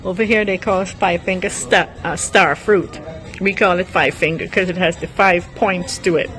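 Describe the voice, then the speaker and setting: Low-voiced woman from Guyana. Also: fairly even intonation, moderate pace, a bit bright, faint music behind, rough recording. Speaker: guest sharing memories. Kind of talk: reminiscing monologue.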